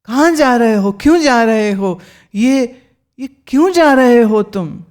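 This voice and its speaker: A woman's voice: on the high side, expressive, slow pace, a little mellow. A woman voicing a pleading little princess girl, insistent and tearful in tone, in a spoken sermon story.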